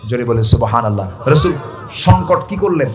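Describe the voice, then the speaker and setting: A man from Bangladesh preaching a waz sermon, calling out questions and shouting for the crowd to answer back. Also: mid-range voice, expressive, normal speed, long reverb tail. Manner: call-and-response, shouting to the audience.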